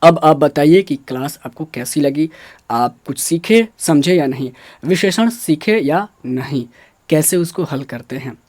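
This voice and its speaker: Here a fairly high, expressive, somewhat darkish male voice moves a little slowly through an exam-oriented Hindi grammar lesson, with no room sound. He fields his own questions, repeats the important terms, and stresses pronouncing them carefully.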